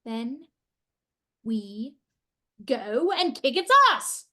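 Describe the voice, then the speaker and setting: A woman's voice: sits high, lively intonation, moderate pace. A woman voicing Donna, a fierce, blunt companion, in a fan audio drama. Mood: defiant. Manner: blunt and combative, shouts when angry.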